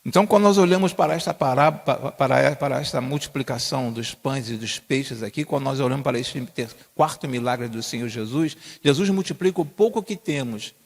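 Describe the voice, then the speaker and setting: A man's voice: a little high, vocal fry. A male pastor preaching a sermon, repeating key phrases and rising to emphatic peaks. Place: church hall. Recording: long church reverb.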